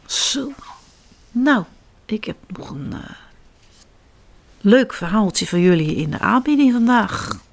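Lively woman reading to children. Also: medium pitch, takes it slowly, pauses often. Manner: animated, addressing children directly. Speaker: children's storyteller. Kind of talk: reading picture books aloud to children.

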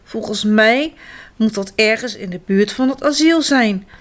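A woman's voice: fairly high pitch, unhurried, close to an everyday voice. A woman voicing a cheerful, clever father in a children's story.

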